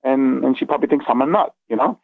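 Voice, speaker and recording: Speaking quickly in a husky, gravelly mid-range voice, a middle-aged interview guest rambles earnestly through a personal story. He drives points home and peppers in "okay" and "you know" to check that the listener is keeping up. The audio is dry and comes through a tinny, phone-like line.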